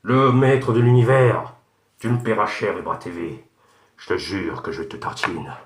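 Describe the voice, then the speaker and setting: A man's voice: on the low side, measured pace, close to an everyday voice. A man playing a ranting Darth Vader. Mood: angry. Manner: rambling insulting rant, stumbling with fillers. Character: ranting Darth Vader parody, menacing protective father. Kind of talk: clash video rant. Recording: echoey room.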